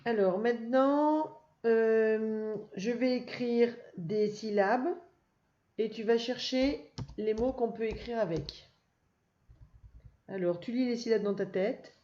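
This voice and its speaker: Slow, patient woman teaching a reading lesson. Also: fairly high pitch, warm tone. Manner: slow, patient and encouraging, praising the child. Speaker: first-grade teacher. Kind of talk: recorded reading lesson for young children. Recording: dull lo-fi, faint noise.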